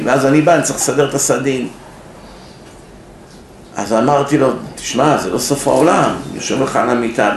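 A man's voice: mid-range voice, vocal fry. Rabbi guy preaching at a yeshiva, acts out his stories, keeps asking the crowd questions, roomy sound. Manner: storytelling with acted-out quotes, asks the audience questions. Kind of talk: sermon. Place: yeshiva hall. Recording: echoey room with faint noise.

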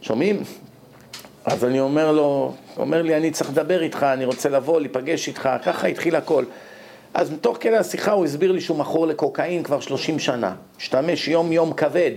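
A man's voice: a little high, creaky. A middle-aged man giving a storytelling sermon as a rabbi, acting out the characters he quotes. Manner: animated, acts out quoted characters.

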